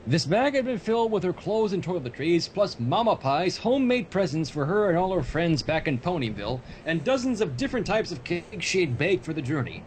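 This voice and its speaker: A livestream host reads fan fiction aloud, very animated and fairly quick with hardly any pauses, breaking off for joking asides. The livestream audio is noisy with a low rumble.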